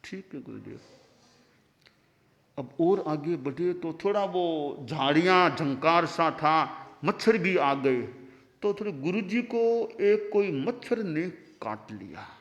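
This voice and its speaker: A man, a monk giving a discourse, telling a parable in a slow, animated storytelling manner. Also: on the high side, muffled recording. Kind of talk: sermon storytelling. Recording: long hall reverb.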